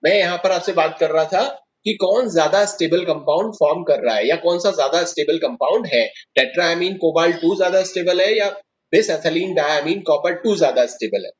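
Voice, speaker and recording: Working step by step through a problem, a chemistry teacher quizzes his class as he lectures at the board. His fairly high male voice moves at a moderate pace, and the recording is dull and lo-fi.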